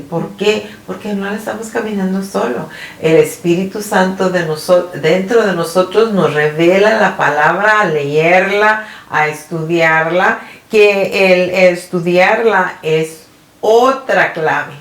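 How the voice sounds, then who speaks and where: A woman's voice: fairly low pitch, slow pace. A woman co-hosting a podcast in a casual faith chat, often tagging her sentences with a questioning "¿verdad?". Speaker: podcast co-host. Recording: echoey room.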